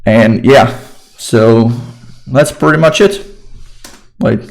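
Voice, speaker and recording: A man's voice: mid-range voice, slow, vocal fry, rough recording. Casual young man teaching grammar. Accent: Slovak. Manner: relaxed, informal and chatty, repeats phrases. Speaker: English teacher. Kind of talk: casual online grammar lesson.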